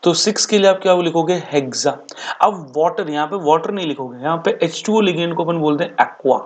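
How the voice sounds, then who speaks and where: A man's voice: fairly high pitch, a little fast. Male chemistry teacher quizzing his class. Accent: Hindi-speaking Indian. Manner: rhetorical questions answered himself; addresses students as beta and bhaiya. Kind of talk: board exam revision lecture.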